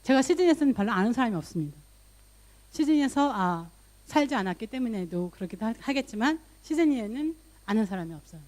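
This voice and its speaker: A woman pastor preaches in a relaxed, story-driven manner, mixing English loanwords into her talk. Her voice sits a little high for a woman, and she lifts it further when she voices her own prayers. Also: quick pace. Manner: conversational storytelling, voice rising for quoted prayers; mixes English loanwords into speech. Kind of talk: sermon.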